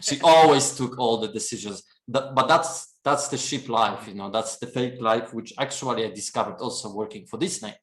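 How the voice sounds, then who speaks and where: Podcast guest, Polish accent, rambling storyteller in a roomy room. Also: male voice, medium pitch, moderate pace, few pauses, fairly bright tone. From Poland. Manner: chatty, laughs often, fills with "and then" and "you know". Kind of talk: casual storytelling chat.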